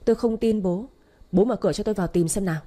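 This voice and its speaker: A woman voicing an angry, bullying young husband who shouts and sneers in an audio story. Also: mid-range voice, fast talker, lightly acted.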